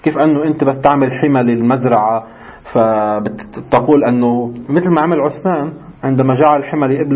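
Fast-talking man teaching a class. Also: medium pitch, highs cut off. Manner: asks rhetorical questions and answers them himself. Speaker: religious teacher. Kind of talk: seminary lecture in colloquial Levantine Arabic.

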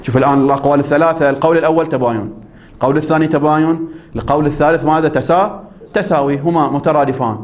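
A man's voice: fairly high pitch, fairly even intonation, rapid-fire. A man teaching religious law in a seminary lecture, reading a text aloud and explaining it. He keeps quizzing his listeners with prompting questions and checking that they follow. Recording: dull lo-fi recording.

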